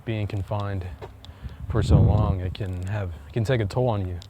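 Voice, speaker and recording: A man's voice: lowish voice, fairly even intonation, moderate pace. A man vlogging outdoors on a walk, talking in a rambling, hesitant way full of fillers and restarts. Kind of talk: casual chat while walking. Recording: loud wind noise on the mic.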